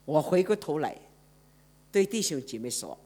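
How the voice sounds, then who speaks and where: Woman preacher, lively storytelling sermon with a very animated pitch. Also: normal speed. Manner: dramatic, swings from loud to hushed.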